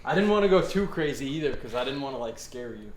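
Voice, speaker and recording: A man's voice: mid-range voice, expressive, quick pace, a crowd in the background. A man in his early twenties with an American accent, chatting in casual, slangy vlog style as the host. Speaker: YouTube prank host. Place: inside a car, later outdoors. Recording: echoey car and street, background music.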